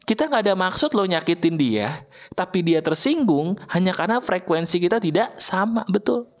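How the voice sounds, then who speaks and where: A man giving a motivational talk over an animated video. He speaks directly to viewers as friends and keeps asking rhetorical questions. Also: sits high, normal speed. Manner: addresses listeners as friends.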